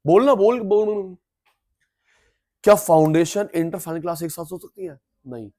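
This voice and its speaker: A middle-aged man teaching economics in an energetic lecture, loudly coaxing and quizzing his students. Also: fairly high pitch.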